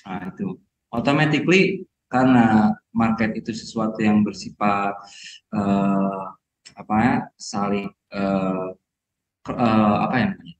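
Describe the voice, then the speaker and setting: A man's voice: on the low side, unhurried, long pauses. A man guesting as an e-commerce trainer and consultant in a casual live online discussion, his mic ringing with heavy echo, like a big hall. He explains by defining terms and searches for words with fillers. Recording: echoey remote call audio.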